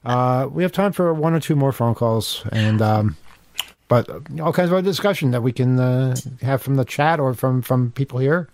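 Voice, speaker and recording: A man hosting a call-in radio show, talking in a halting, easygoing way with many restarts. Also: medium pitch, darkish tone, dry recording. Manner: halting, lots of fillers and restarts. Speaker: radio host.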